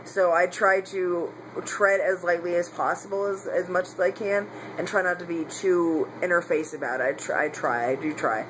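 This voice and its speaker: A man records a candid, confessional personal vlog in a voice pitched a bit higher than most men's. He speaks at a moderate pace with hardly any pauses, rambling, restarting, and correcting himself mid-sentence. A faint hum sits in the background.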